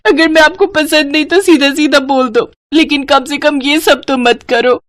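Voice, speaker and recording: A woman's voice: high voice, fairly even intonation, moderate pace, voice pushed up. A woman voicing a spoiled, scheming young sister-in-law who whines and accuses. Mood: accusing. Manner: whiny, accusing, sharp.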